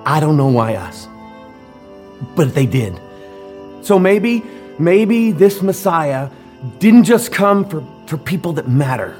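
A man playing a blunt, stubborn shepherd in a comedic church skit, speaking in a dry, deadpan way. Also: fairly high pitch, slow pace, pauses often, soft background music. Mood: earnest.

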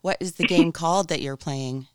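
A woman's voice: sits low, moderate pace, dry recording. A woman prompting with follow-up questions in a casual family interview at home.

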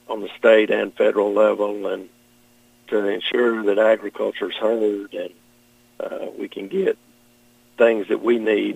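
A middle-aged man with a Kentucky Southern accent, answering interview questions as a farmer in a plain-spoken, halting, measured way. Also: on the low side, creaky, a little mellow, breathy edge, no echo, rough recording. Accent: Southern American, Kentucky.

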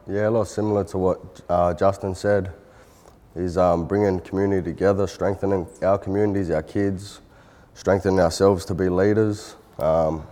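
A young Australian man of twenty-four speaking on a youth panel in a measured way, listing his ideas. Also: sits low, dark tone, long reverb tail. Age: 20s. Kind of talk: casual discussion.

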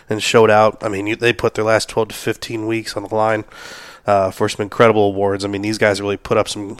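A man's voice: on the low side, clear, resonant tone, dry recording. A man hosting a solo podcast recap, sick and losing his voice, talking casually with many fillers and the odd cough. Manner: casual, lots of fillers, shout-outs. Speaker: podcast host.

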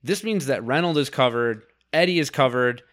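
A man's voice: medium pitch, animated, moderate pace, fairly bright tone. A man co-hosting a podcast in casual chat, analytical and given to stammered restarts. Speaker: podcast co-host.

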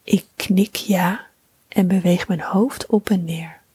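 A woman reading a bedtime story for children in a soft, whispering, soothing voice. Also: on the low side, husky, no room sound. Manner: slow, soothing, calm.

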